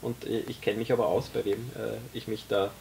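A man in his forties, a guest and author, explaining his ideas in a relaxed conversation with many hesitations, recorded in a small café. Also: fairly low pitch, brisk, gravelly, slight background noise. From Austria. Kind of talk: casual conversation. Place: tea room in a small café.

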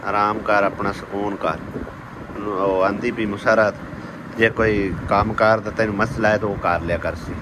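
A man's voice: lowish voice, fairly even intonation, moderate pace. A man vlogging outdoors, talking to his wife in a lecturing way and asking again and again if she understood. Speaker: vlogger husband. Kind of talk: casual family vlog talk. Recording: noisy outdoor recording with wind.

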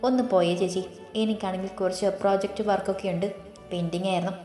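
A woman's voice: medium pitch, fairly even intonation, fast, mellow, close to an everyday voice. A woman voicing a cheerful young student sister-in-law in a storybook reading, talking in a chatty, friendly way, in a roomy recording with faint music.

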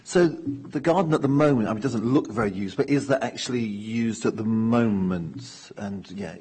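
A middle-aged man asks questions informally at a council meeting. His voice is fairly low and very husky, caught on a desk microphone. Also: moderate pace, a little mellow. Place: council meeting chamber, indoors. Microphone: gooseneck desk microphone.

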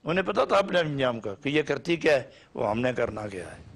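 A man's voice: medium pitch, very animated, crowd noise. A man from Pakistan preaching a sermon lesson, speaking in rhythmic lists of short repeated phrases and pressing his points with emphatic rising questions. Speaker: Sufi preacher.

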